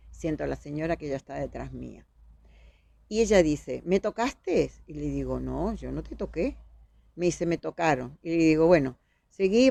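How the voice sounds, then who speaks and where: A woman's voice: sits low, vocal fry, mellow. A woman with a Uruguayan accent, a podcast guest recounting events vividly and acting out the dialogue she quotes. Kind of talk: storytelling in conversation.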